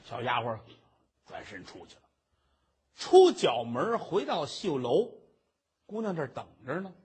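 A man telling a traditional comic story in a lively, animated way, narrating and playing every part himself. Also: fairly high pitch, measured pace.

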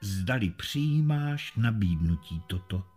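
A man doing a dignified, defiant castle lady. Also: fairly low pitch. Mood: calm. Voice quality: calm, measured. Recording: faint music behind.

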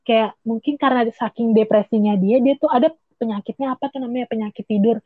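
A young woman chats casually, rambling and restarting her sentences in slang. Her voice sits a little high. It comes through a tinny, phone-like line with a dry sound. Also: fast, no room sound. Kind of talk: casual chat.

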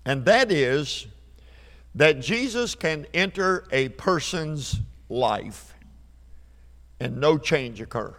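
A man in his seventies preaching a revival sermon, emphatic, repeating key phrases and building to loud climaxes. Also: fairly high pitch, animated, takes it slowly, long pauses. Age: 70s. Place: church sanctuary. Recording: long hall reverb.

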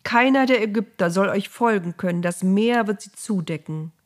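A woman's voice: medium pitch, normal speed, close to an everyday voice. A woman voicing God, giving firm commands to a leader. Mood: commanding. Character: commanding divine male voice.

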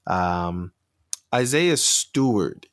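A man's voice: on the low side, lively intonation, drawn-out words, dry recording, studio quality. A man who is a guest on a sports podcast, talking casually and hesitantly with many fillers.

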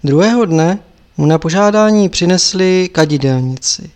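A man narrating an audiobook in a calm, measured reading voice. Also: high voice, clean tone. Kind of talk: scripted narration.

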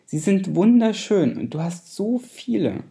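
Man doing a tiny, timid storybook fish: pitched high, pleading and eager, mellow. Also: big pitch swings, unhurried, vocal fry, heavily acted.

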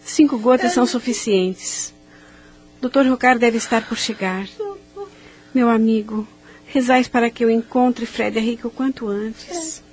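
A woman playing an anxious but determined carer at a deathbed, earnest and formal in a radio melodrama, with a slightly husky voice. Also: on the high side, measured pace, a little mellow, a little hiss or hum, close to an everyday voice. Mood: resolute. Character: anxious, determined woman tending a dying loved one. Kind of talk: melodramatic radio drama acting.

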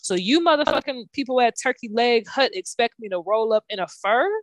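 A woman co-hosting a casual podcast over a video call, telling a story in an animated, profane way and acting out other people's lines. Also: a little high, brisk, no echo. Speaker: podcast co-host.

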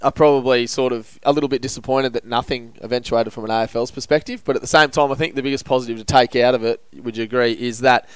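A man's voice: mid-range voice, fairly even intonation, fast talker, hardly any pauses, clear, resonant tone, no room sound. An Australian man hosting a casual footy show, chatting in a blokey, matey way full of local slang. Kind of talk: casual sports banter.

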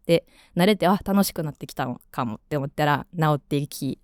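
Chatty Kansai woman with a low voice. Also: fairly quick, a little mellow, no echo, clean studio sound. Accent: Kansai Japanese. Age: 20s. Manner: chatty, rambling, with frequent fillers. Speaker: radio host. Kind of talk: casual radio chat.

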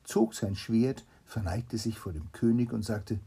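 A man reads an old fairy tale aloud to a child. His voice is low and gravelly, with a mellow, dark tone and a breathy, husky edge. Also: measured pace. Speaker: storyteller.

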